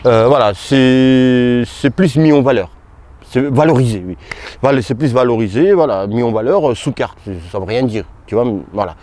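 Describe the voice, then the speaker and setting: A man giving casual, halting boxing commentary straight to his viewers, as if chatting with a friend. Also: mid-range voice, a little mellow. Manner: hesitant, halting, talks to viewers as "tu". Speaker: boxing YouTuber.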